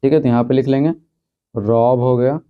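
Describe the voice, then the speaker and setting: A man walks students through textbook answers in a steady, mid-pitched voice, repeating each point and checking in constantly. The recording is a bit dull and low in fidelity. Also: moderate pace, clean tone. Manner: repeats answers, fills with "theek hai". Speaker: teacher. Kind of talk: school lesson explaining textbook answers.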